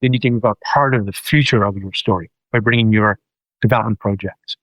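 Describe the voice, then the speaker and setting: A man's voice: on the low side, a little fast, a bit bright, no room sound, rough recording. New man, dry close sound. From New Zealand. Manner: loose, searching delivery with many ums. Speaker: documentary filmmaker and guest. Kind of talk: casual interview conversation.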